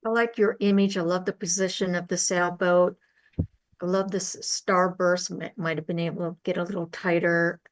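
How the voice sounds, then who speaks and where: A woman's voice: on the low side, little pitch movement, normal speed. A woman judging a camera club competition, giving enthusiastic, appreciative critiques of the images. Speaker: photo competition judge. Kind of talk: spoken critique of photographs.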